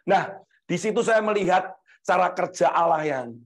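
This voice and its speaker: High-voiced animated male pastor preaching. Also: moderate pace, vocal fry. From Indonesia. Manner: animated, acts out quoted voices. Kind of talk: sermon.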